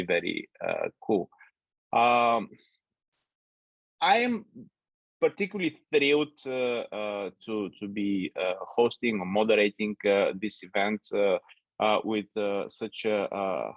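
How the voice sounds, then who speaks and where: A middle-aged man from Bulgaria moderating a webinar, speaking haltingly with constant "uh" fillers over a video call. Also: fairly low pitch, no echo. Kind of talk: unscripted opening remarks. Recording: dull dry lo-fi webinar audio.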